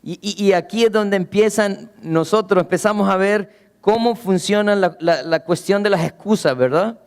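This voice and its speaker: A man preaching a sermon as pastor, earnestly asking rhetorical questions and slowing down, going low for emphasis. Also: clean tone, big-room sound. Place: church.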